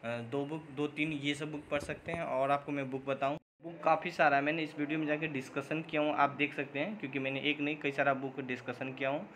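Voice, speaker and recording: The recording is rough with some hiss or hum, carrying a man's rather high, slightly bright voice in a flat delivery. He hosts a job-update channel, answering comments in a meandering vlog with frequent fillers, restarts, and English words, and says he sometimes talks too fast.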